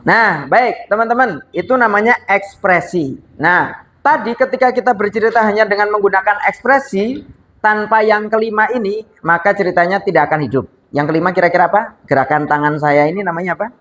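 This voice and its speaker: Upbeat and encouraging, a man teaches storytelling to a workshop group, mixing lecture with practice drills he counts the students into. He speaks fairly quickly in a high-pitched, fairly bright voice, captured with lo-fi sound.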